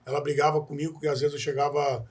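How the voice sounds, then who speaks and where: Talking fast in a level tone, a husky, higher-voiced podcast guest from Espírito Santo, Brazil, shares his life story in an interview. He is earnest and rambling, often restarting and tacking questioning asides onto many of his phrases.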